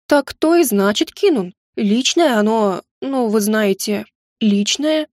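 A woman's voice: high-pitched, brisk, a little mellow, no echo, studio quality, lightly acted. Woman doing a coy, purring servant girl.

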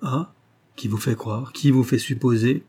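Guy reading a young official, startled and protesting, lots of surprised questions, dark husky voice. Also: medium pitch, unhurried.

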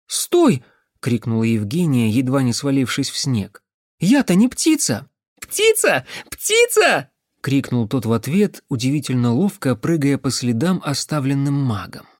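A man narrating a novel as an audiobook in an expressive storytelling manner. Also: mid-range voice, dry recording, studio quality. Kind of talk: scripted narration.

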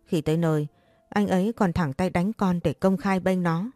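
A woman's voice: lowish voice, moderate pace, mellow, dry recording, lightly acted. A woman voicing a tearful, jilted young woman who pleads in a choked voice.

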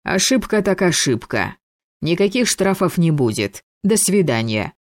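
A weary male head of a wizard commission wraps things up in a brisk, formal way, as a woman reading the book plays him. The voice sits a bit higher than her plain reading, and the sound is close and dry. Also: big pitch swings, no room sound.

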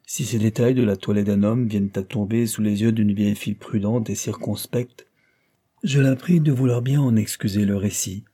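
Dark, husky male narrator. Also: lowish voice, steady tone, normal speed. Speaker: audiobook narrator. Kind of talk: scripted narration of a novel.

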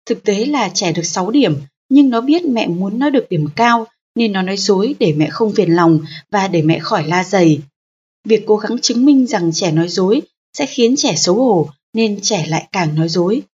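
A woman reads a parenting audiobook in a calm, even delivery. Her voice is husky and a little breathy, set at a middle pitch. The recording has a slightly dull, lo-fi sound. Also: moderate pace. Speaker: audiobook narrator. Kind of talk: scripted audiobook narration of a parenting book.

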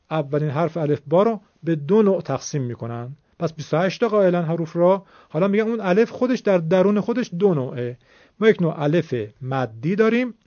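A man's voice: a little high, a little mellow, no echo, highs cut off. A man teaching Quran recitation, explaining patiently and formally step by step. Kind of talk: classroom-style explanation.

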